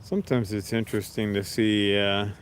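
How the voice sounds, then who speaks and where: A man chatting casually with viewers on a livestream, relaxed and rambling, talking to his pets now and then. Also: on the low side, moderate pace, slight background noise.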